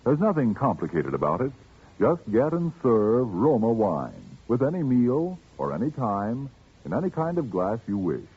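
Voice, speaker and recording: In an old 1940s radio broadcast with a dull sound, a male commercial announcer reads a persuasive ad. His sales pitch is smooth, delivered at a moderate pace with huge swings in pitch.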